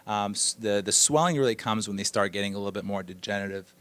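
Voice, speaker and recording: A man from Russia who works as an orthopedic surgeon, answering interview questions in a measured, explanatory way. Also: fairly low pitch, fairly bright tone.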